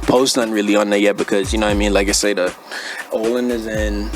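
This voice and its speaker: A young Bahamian man, a former athlete who now owns a brand, chats as an interview guest in a studio with music playing behind him. His fairly low voice stays steady and fast, and his laid-back, slangy manner is full of "bro" and "you know what I mean."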